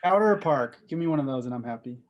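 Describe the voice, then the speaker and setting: A man's voice: medium pitch, lively intonation, fast, a little hiss or hum. A man of about thirty from Utah, a podcast guest giving laid-back, short and dry answers. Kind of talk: casual interview chat.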